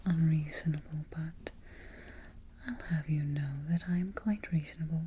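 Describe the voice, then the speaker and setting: A woman playing an imperious, fussy, vain evil queen in a darkly comic ASMR roleplay, with a soft, breathy near-whisper, close to the microphone and haughty in her phrasing. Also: low-pitched, fairly even intonation, slight background noise, lightly acted. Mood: haughty, self-satisfied. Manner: deliberate, haughty, formal phrasing.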